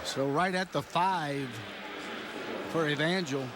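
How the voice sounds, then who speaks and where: A man's voice: fairly high pitch, slow, heavy background noise. A man giving color commentary on a live football game from a stadium booth. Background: loud stadium ambience.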